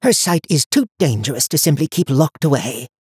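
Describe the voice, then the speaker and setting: A man's voice: on the high side, very animated, normal speed, a little mellow, breathy edge, no room sound, studio quality, pitched above the performer's own voice, heavily acted. A man voicing a stern, formal old woman who leads a tribe of seers. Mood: matter-of-fact. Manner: cold, formal, commanding. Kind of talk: audiobook character voice.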